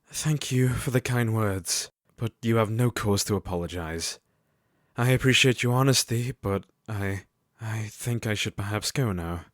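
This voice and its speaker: A man playing a shy, earnest Victorian gentleman doctor, hesitant and formally polite, in an audio drama. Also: lowish voice, a little slow, dry recording, clean studio sound, lightly acted. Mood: gracious sorrow.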